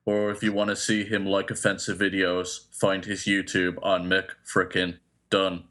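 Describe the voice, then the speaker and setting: A man with a fairly low voice slips into a put-on robot impression to read out a podcast's plugs. He talks slowly and flatly, each phrase stiff and mechanical like a machine reading a script. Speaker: podcast co-host.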